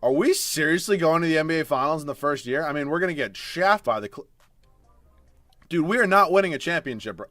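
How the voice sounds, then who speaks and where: A young man casually commentating his basketball video game as he plays, swinging from low mutters to loud swearing outbursts. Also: animated, quick pace, no room sound, faint music behind. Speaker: gaming streamer.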